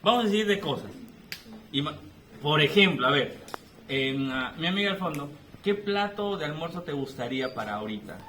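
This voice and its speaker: A man with a Peruvian Spanish accent giving an animated physiology lecture, playfully teasing his students with questions. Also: on the high side, normal speed, a little hiss or hum. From Peru. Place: lecture room. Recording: echoey room, voice from a distance.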